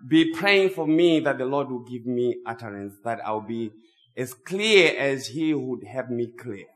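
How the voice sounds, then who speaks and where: Preaching as a guest while nursing a cold, this Zimbabwean man uses English, which isn't his first language. His mid-pitched voice is expressive and a little bright, and his emphatic phrasing comes out slow and drawn out.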